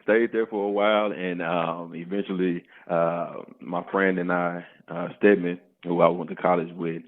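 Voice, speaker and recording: Chatting easily in a casual podcast interview, a twenty-something startup co-founder from Arkansas, in the US South, keeps calling the host "man." His deep voice holds a level tone at a moderate pace, and the recording sounds like a phone line.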